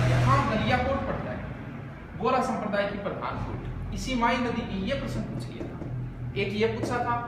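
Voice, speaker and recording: High-voiced man teaching in an echoey room. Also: noisy background. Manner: brisk, explanatory, repeats key points. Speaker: exam coaching teacher. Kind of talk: quick spoken geography lesson with memory tricks.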